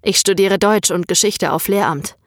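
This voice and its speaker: A woman voicing a hesitant, friendly young man in an audiobook story, softly and unsure. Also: medium pitch, moderate pace, dry recording, studio quality, natural voice. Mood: apologetic. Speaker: story character.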